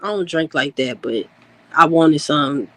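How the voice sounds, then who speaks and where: A Chicago woman in her late thirties speaks as a panel guest on an online panel, chatting candidly and casually in slangy, laid-back language. Her voice is deep, expressive, and a bit bright, and she talks a little slowly.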